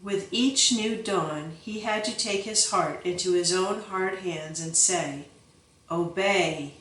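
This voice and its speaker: A woman reads a book aloud in an unhurried, measured way. Her voice sits back from the microphone in a roomy space with a noticeable echo, and her delivery stays steady and even. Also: mid-range voice, distant mic. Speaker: audiobook narrator. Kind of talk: scripted audiobook narration. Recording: roomy, voice set back from the mic.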